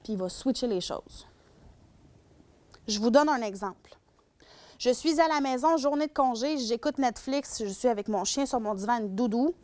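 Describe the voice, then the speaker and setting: A woman's voice: on the high side, animated, normal speed, a little mellow. A woman with a Québécois accent giving a public lecture as a shelter worker on domestic violence. She speaks animatedly and acts out scenarios. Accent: Québécois French.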